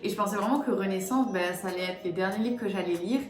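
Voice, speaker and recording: A young woman chatting casually in a book vlog, animated, swinging between quiet asides and excited bursts. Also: mid-range voice, fast talker. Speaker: booktuber. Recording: echoey room with faint music.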